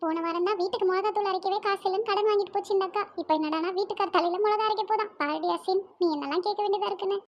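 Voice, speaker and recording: Woman doing a squeaky, cheeky young cartoon woman. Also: rapid-fire, few pauses, highs cut off, a little hiss or hum. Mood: teasing. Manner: teasing, giggly, sing-song.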